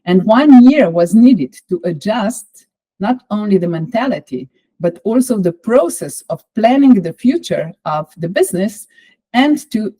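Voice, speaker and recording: A woman with a Slovenian accent lecturing on a course, measured and explanatory, with frequent pauses and fillers. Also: fairly low pitch, mellow, rough recording.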